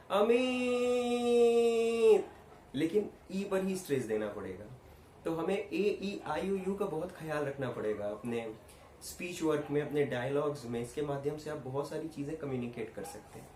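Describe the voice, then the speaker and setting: A man leads an online acting workshop and explains clear speech and vowel stress step by step. He projects his voice when he demonstrates. The recording is roomy, with faint ambient noise behind him. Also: fairly high pitch, lively intonation, normal speed, darkish tone. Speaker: acting teacher.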